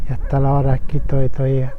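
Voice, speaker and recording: A man's voice: medium pitch, completely flat delivery, slight background noise. Older Chilean man, tinny testimony. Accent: Chilean Spanish. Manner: halting, plain-spoken, repeats himself. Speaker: witness giving testimony. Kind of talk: documentary testimony. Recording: tinny phone-like sound.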